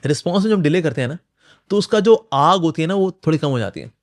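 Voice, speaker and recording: Man, interview guest, animated, acts out inner voices, fairly high voice. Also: quick pace. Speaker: spiritual speaker. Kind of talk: interview answers.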